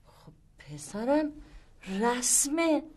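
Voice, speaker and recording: An actress playing a tired, sharp-tongued middle-aged mother who scolds and teases her son. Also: high-pitched, very animated. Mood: scolding. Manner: scolding and teasing. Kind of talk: sitcom acting.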